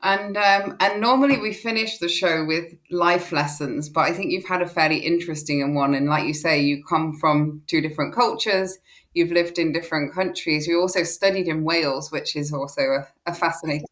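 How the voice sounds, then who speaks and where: A woman's voice: deep voice, moderate pace, fairly bright tone. A woman hosting a podcast interview, upbeat and chatty, reading a scripted intro. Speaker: podcast host.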